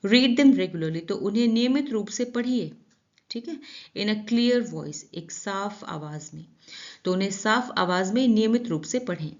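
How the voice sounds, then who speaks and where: A woman teaching vocabulary in Hindi, reading sentences slowly and explaining each word with repeated translations. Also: medium pitch, lively intonation, darkish tone. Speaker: English teacher. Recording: dull lo-fi recording.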